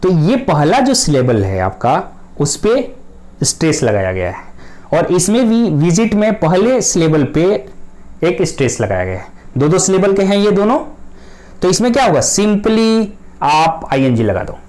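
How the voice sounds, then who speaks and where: Man, grammar teacher, patient explanatory lesson, repeats key points, slightly high pitch. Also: big pitch swings, normal speed, a little mellow.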